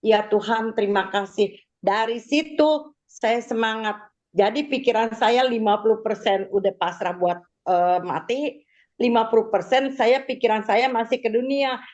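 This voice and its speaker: Woman, church testimony speaker; high-ish register, hesitant, earnest delivery; muffled lo-fi capture. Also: a little mellow. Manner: halting retelling with frequent hesitations; earnest, acts out the prayers she spoke. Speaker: church member giving testimony. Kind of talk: personal testimony at a prayer service. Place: church prayer gathering. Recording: dull lo-fi recording.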